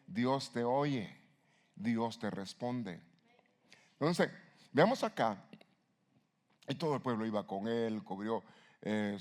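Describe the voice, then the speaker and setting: Gravelly-voiced man preaching emphatically. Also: medium pitch. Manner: emphatic preaching with sudden loud rises and rhetorical questions. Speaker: pastor. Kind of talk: sermon.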